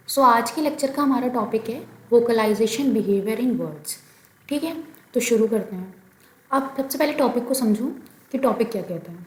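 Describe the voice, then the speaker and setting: A woman's voice: on the high side, a little mellow. A woman giving a biology lecture, explaining step by step and checking in often with her students. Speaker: biology teacher. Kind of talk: recorded lecture. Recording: echoey room, faint ambience.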